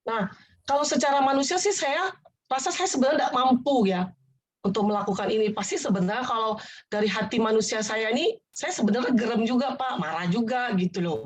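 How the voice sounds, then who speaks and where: Earnest woman with a fairly high voice. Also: fairly quick, rough recording. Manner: earnest, often addresses the listener as "Pak"; rambling, repeats herself and restarts. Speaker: guest sharing her testimony. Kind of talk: heartfelt conversational testimony.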